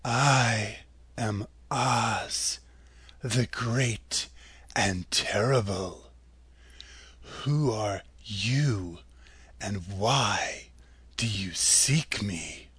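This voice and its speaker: A man voicing a fairy-like lady who speaks low, slow and whispery. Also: fairly bright tone, breathy edge, dry recording, full character voice. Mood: mysterious. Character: Oz as a lovely lady, low and hushed.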